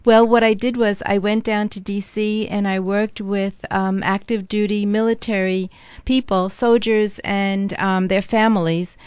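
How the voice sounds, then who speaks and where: Clear-voiced woman radio guest. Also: mid-range voice, steady tone, measured pace, a little mellow, dry recording. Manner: earnest, reflective, with some ums. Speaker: studio guest. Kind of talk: interview answers. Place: radio studio.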